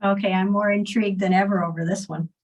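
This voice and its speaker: A woman's voice: medium pitch, steady tone, fast, a little mellow, dull audio. Upbeat woman library interviewer. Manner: upbeat, asks prepared questions. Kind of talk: friendly author interview. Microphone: video call.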